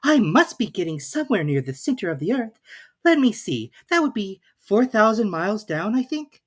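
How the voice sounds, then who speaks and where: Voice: medium pitch, big pitch swings, normal speed, voice pushed up. A storybook narrator voicing Alice, a curious, chatty little girl who rambles and wonders aloud to herself. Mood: musing, chatty. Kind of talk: children's storybook character reading.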